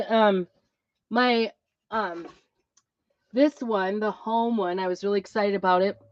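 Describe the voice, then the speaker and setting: A woman's voice: medium pitch, no room sound. Woman with a dull, boxy sound, chatting while ill. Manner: chatty, rambling. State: ill with a cough and plugged ears. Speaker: craft channel host, music teacher. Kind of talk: casual chat to a live craft audience. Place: inside an Airstream trailer. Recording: dull, boxy tin-can sound, close and dry.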